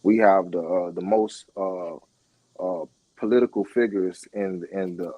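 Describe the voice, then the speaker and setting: A man's voice: sits low, fairly even intonation, measured pace, no room sound, lo-fi sound. A middle-aged man from Florida, a podcast guest, talking casually with lots of fillers and restarts. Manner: rambling, many fillers and restarts. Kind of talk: casual interview talk.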